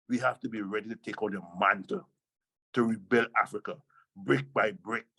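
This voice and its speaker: A man's voice: on the low side, fairly bright tone, dry recording, low-quality recording. An older man speaking as a Rastafari elder, reasoning in Rasta speech with an emphatic, repetitive, oratorical delivery. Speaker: Rastafari elder being interviewed.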